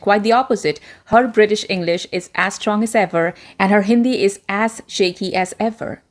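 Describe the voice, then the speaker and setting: The self-help talk comes from a woman presenter addressing the camera, her speech deliberate and clearly articulated. Her voice is medium-pitched, and her transitional accent leans American.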